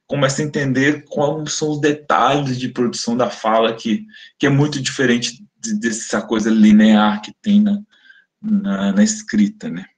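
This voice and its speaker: A man's voice: mid-range voice, normal speed. Brazilian man lecturing on phonetics. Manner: explanatory, demonstrates speech sounds aloud, frequent "né?" tags. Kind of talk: academic webinar lecture.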